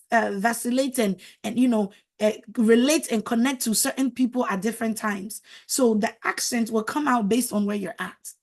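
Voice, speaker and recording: A middle-aged woman whose first language is French gives a motivational talk as a marriage coach. Her fairly high-pitched delivery is emphatic and preachy, and she repeats words for stress.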